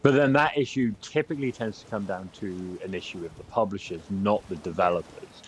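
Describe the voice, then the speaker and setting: A man's voice: low-pitched, a little fast, slight background noise, poor audio. A man chatting casually while playing a game on stream, easygoing with dry remarks and offhand swearing. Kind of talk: casual chat while gaming.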